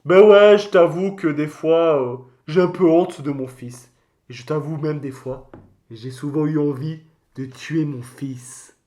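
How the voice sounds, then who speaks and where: A man's voice: a little high, unhurried, warm tone, close to an everyday voice. A man voicing a touchy, boastful mascot creature in a comic mock interview, rambling in crude slang. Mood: exasperated. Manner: slangy, crude, hesitant rambling storytelling with outbursts.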